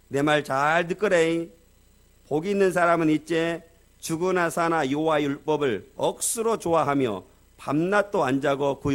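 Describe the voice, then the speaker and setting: A blunt, bossy churchgoer with a thick Gyeongsang dialect, as a male preacher puts him on, reciting scripture as if lecturing a room of unruly kids. He talks loud and slow and hammers his points home with scolding questions. His voice sits fairly high for a man. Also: close to an everyday voice.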